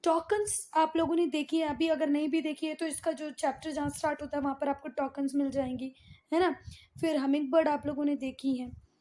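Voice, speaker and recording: A woman's voice: high voice, fairly even intonation, a little fast, mellow, slight background noise. A woman teacher giving a geography lesson, mixing in English terms, repeating key words and quizzing her pupils affectionately. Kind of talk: classroom geography lesson, Hindi mixed with English.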